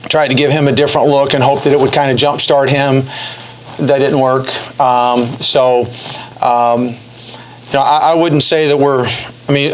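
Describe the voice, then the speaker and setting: A middle-aged man, a basketball coach, answering press questions after a game, halting with many fillers and restarts, speaking into a podium stand mic. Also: mid-range voice, a little hiss or hum, low-quality recording. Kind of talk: post-game press conference. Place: press room in front of a backdrop.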